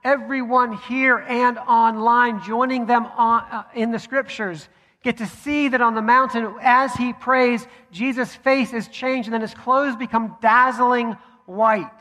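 High-voiced preacher in a reverberant hall. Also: male voice, steady tone, sharp tone. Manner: measured, with deliberate pauses. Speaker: pastor. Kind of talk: sermon. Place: church sanctuary.

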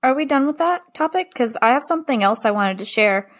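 A woman's voice: sits high, animated, fairly quick. A woman co-hosting and editing a podcast, telling rambling stories in casual chat. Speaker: podcast co-host and editor.

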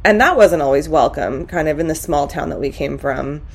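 A woman's voice: low voice, lively intonation, moderate pace, slightly rough. A middle-aged woman from California chatting candidly on a podcast, reflective, with many fillers. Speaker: guest. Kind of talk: casual podcast conversation.

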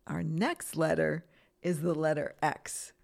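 Slow-paced woman guiding children through mindfulness. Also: sits low, flat delivery, gravelly, a little mellow. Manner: simple, encouraging instructions addressed to children. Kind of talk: guided mindfulness lesson with breathing exercises.

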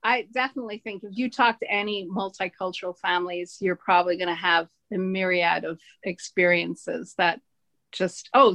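Irish woman, 40s, guest, animated storyteller, dry close sound. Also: medium pitch, dry recording. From Ireland. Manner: animated, laughing, emphatic storyteller. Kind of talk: casual conversation.

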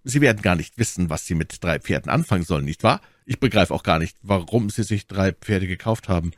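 A man reading the part of a grave, calm musketeer leader in a storybook reading, in a measured, serious manner. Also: low voice.

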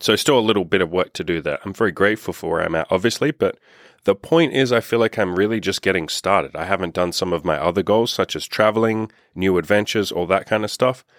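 A man's voice: deep voice, a little fast, no room sound, clean studio sound. A man in his thirties, a dating and self-improvement coach, talking candidly and upbeat in a casual podcast monologue, swearing freely. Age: 30s. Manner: candid, upbeat and heavily profane.

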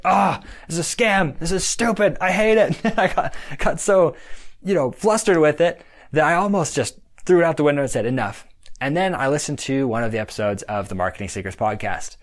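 A young man hosting a podcast, speaking in a casual monologue. He sounds upbeat, laughs often and acts out his past self. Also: medium pitch. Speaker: podcast host.

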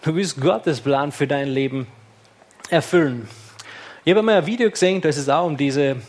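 A young man delivers a sermon. His voice sits a little high, and he talks in a relaxed, conversational way, often tossing in short tag questions to the congregation. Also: normal speed. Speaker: lay preacher.

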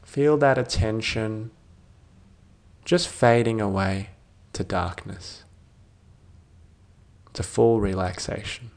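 A man speaks as a sleep story narrator guiding a meditation, in a low voice with a creaky, gravelly edge. He goes very slowly, setting down short, soothing phrases with long pauses. The ends of his phrases soften and sink away gently. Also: fairly even intonation.

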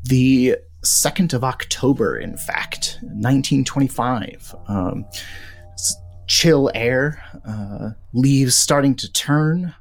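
A man narrating a tabletop horror role-play game as game master, relaxed with frequent ums. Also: medium pitch, slow pace, soft background music.

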